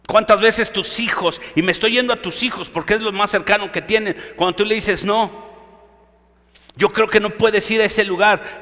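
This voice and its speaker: Male pastor, fervent preacher, sharp bright tone, echoing through a church hall. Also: sits high. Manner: emphatic preaching, questions the listener directly. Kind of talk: sermon.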